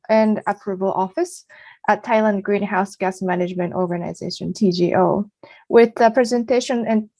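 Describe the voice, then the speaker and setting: Gravelly-voiced woman moderating a webinar. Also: medium pitch, darkish tone, no room sound. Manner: polite, with hesitant fillers. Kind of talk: formal moderation.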